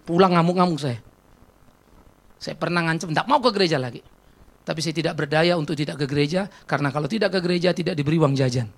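A male pastor delivers a sermon full of stories and personal confession. His voice carries a gravelly edge, and he lurches from loud, emphatic exclamations to hushed, reflective passages. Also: a little high, fairly even intonation, fast. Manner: dramatic, swings from loud exclamations to quiet reflection.

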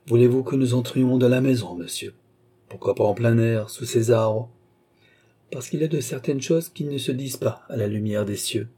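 A man reading an audiobook, voicing a stern and ceremonious young nobleman in a solemn, measured way. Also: medium pitch, warm tone, slightly rough, lightly acted. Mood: grave.

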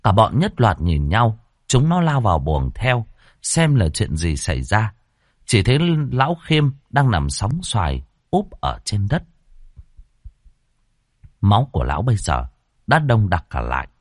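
A man narrating a horror story in a low, lively voice that rises and falls a lot. His telling is expressive and animated, and the sound is dry and close. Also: measured pace, dry recording.

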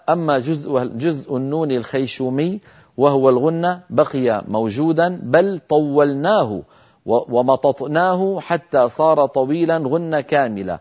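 Man teaching recitation, muffled audio. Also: mid-range voice. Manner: explains each rule calmly, then demonstrates it slowly twice with drawn-out nasal sounds. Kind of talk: televised recitation lesson.

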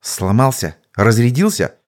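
A man voicing a tense, gruff male squad leader in an audiobook, asking curt, clipped questions. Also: medium pitch, big pitch swings, measured pace. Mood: impatient.

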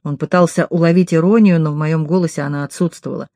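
A woman reading a first-person novel aloud in a measured, intimate storytelling manner. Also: low voice, fairly even intonation, dark tone, no echo, clean studio sound. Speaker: audiobook reader. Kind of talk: first-person audiobook narration.

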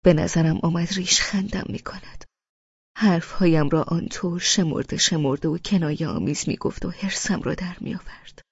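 Woman audiobook narrator, first-person, anxious and whispery at times, gravelly voice, dry studio sound. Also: lowish voice, no room sound, highs cut off. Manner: anxious, intense inner monologue, slipping into whispers.

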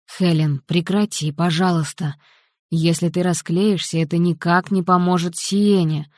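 A woman's voice: on the low side, steady tone, measured pace, dry recording, clean studio sound, close to an everyday voice. A woman reading an audiobook, voicing a tense husband who speaks in a restrained, urgent, pleading way. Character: anxious husband, controlled and pleading.

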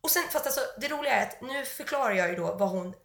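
A woman hosting a podcast who tells stories animatedly, acting out the dialogue as she goes. Her voice sits fairly high and sounds croaky and gravelly, with a stuffy nose. She is recorded in an echoey room. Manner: animated storytelling, full of quoted dialogue. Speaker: podcast host. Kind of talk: casual chat.

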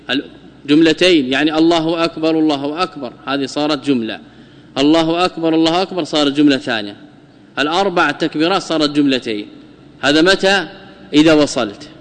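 A man with a somewhat high voice teaches a religious lesson, explaining the text patiently. He repeats key phrases and poses rhetorical questions to his listeners. His voice rings out with a long reverb, as if recorded in a large hall. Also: fairly bright tone. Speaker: Islamic scholar teaching a jurisprudence text.

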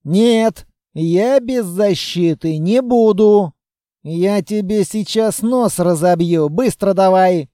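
A man voicing a wiry, bossy male scavenger who talks gruffly in rough slang, read for an audiobook. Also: high voice, slow, warm tone, no echo, clean studio sound. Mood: threatening. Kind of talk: audiobook character voice.

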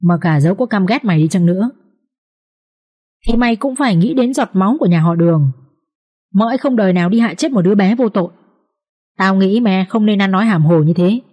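A woman voicing a calm, fair-minded senior concubine in a storybook reading, reasoning in a measured, level way. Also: medium pitch, close to an everyday voice. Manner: measured, reasoning, then sharply scolding.

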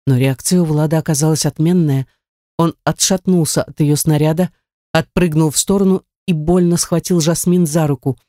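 A woman narrating an audiobook in a steady, measured reading. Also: sits low, dry recording, clean studio sound.

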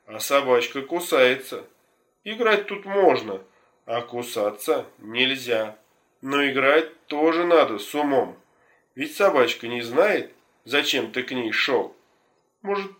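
A man voicing a stern park watchman who lectures slowly and deliberately. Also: mid-range voice, a bit bright.

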